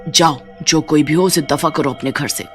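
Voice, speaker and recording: A woman's voice: deep voice, normal speed, soft background music, pitched below the performer's own voice, lightly acted. A woman voicing a greedy, bossy female witch in a cartoon story, cackling and threatening.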